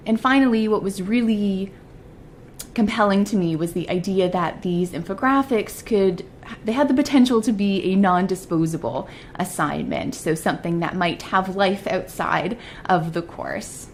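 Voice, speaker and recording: A woman professor giving a prepared lightning-talk presentation in an orderly, explanatory manner. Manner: clear explanatory, orderly listing of points. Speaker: university psychology professor, lecturer. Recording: noticeable low rumbling background noise.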